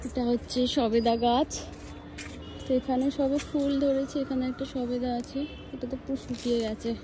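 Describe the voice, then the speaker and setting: A young woman with a high voice speaks to her toddler in a sing-song, coaxing tone. She is recorded outdoors on a rooftop garden, with faint background noise underneath. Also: level tone, normal speed. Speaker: mother and vlogger. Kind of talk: talking to a toddler while filming.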